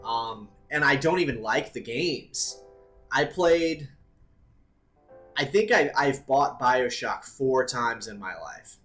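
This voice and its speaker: Guy streaming and rambling, mid-pitch voice, bit of guitar music faint behind him. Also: lively intonation, slow pace, fairly bright tone. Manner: rambling, thinks aloud, swears casually. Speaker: live-stream host. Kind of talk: casual live-stream chat.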